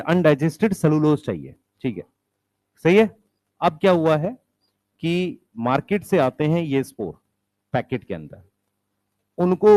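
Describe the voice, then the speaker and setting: Guy teaching biology to a class, slightly high voice, dry close sound, keeps quizzing the students and answering himself. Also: darkish tone, no echo. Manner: asks the class questions and answers them himself; keeps calling for the students' attention. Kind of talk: classroom lecture.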